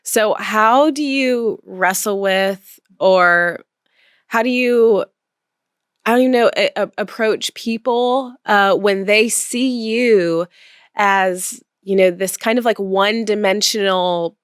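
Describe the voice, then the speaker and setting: A woman's voice: mid-range voice, slow, clear, resonant tone, no room sound, clean studio sound. A woman hosting a podcast, asking questions in a friendly, conversational way. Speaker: podcast host. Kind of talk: podcast interview.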